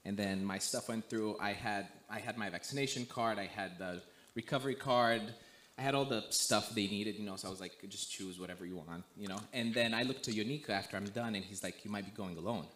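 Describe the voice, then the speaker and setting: A young man from Romania, a guest missionary, telling a story in a relaxed way, full of "like" and "you know". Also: fairly low pitch, a little fast. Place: church sanctuary.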